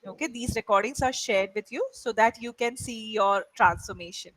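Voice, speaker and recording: A woman from India tutors English by video call at a moderate pace; her first language is Malayalam, and her voice sits on the high side with a slightly bright tone. She's encouraging, often checking in with "right?" The audio has no echo but is rough.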